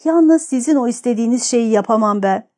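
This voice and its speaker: A woman reading the lines of a gentle young woman refusing a suitor, soft and hesitant. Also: on the high side, lively intonation, brisk.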